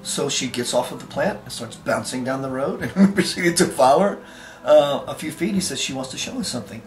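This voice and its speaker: A man's voice: mid-range voice, lively intonation, fairly quick, reverberant, faint music behind. A man earnestly telling a first-person story, with emphatic conviction.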